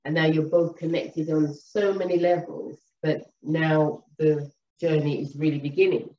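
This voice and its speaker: A woman and mother teaching about relationships in an animated storytelling way, acting out what people say. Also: deep voice, unhurried, a little hiss or hum. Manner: animated, storytelling, acts out quotes. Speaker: wellness teacher. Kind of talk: advice monologue. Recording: echoey room, distant mic, dull sound.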